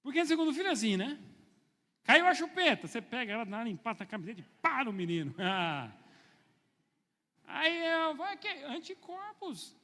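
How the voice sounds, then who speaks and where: Pastor, male, middle-aged: high, bright, storytelling sermon in a hall with long reverb. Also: very animated, brisk, long pauses. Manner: storytelling, swings from soft to loud and emphatic.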